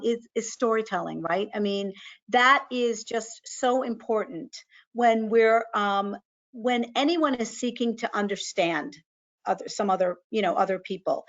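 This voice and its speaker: Woman, webinar moderator, slightly high voice, upbeat and affirming, dull call audio. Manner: upbeat affirmations, some fillers. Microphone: video call. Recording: muffled video call audio.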